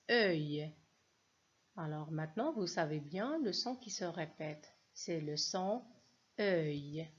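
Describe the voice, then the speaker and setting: A woman's voice: lowish voice, slightly rough. A woman teacher gives a reading lesson to children, patiently spelling out sounds and syllables. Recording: dull lo-fi recording.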